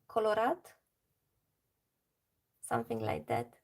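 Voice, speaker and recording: Speaking slowly in a slightly high, gravelly voice with huge pitch swings, a Romanian woman with a Romanian accent colours on a livestream. She chats casually, reads her chat aloud, answers it, and laughs a lot.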